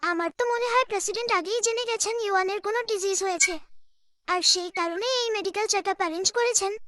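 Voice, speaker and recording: A woman's voice: very high-pitched, a little fast, sharp tone, dry recording, clean studio sound. A woman reading the lines of a spiteful, sarcastic female coworker in a story narration. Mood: sneering. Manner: sneering, sarcastic.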